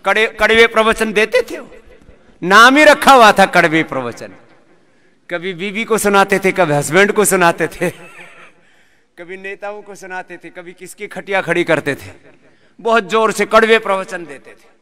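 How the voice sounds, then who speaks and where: A man leading a live yoga class, giving instructions and lively talks on health while joking with the group. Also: high voice, a little slow. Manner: lively, sings verses, jokes with class. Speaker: yoga teacher.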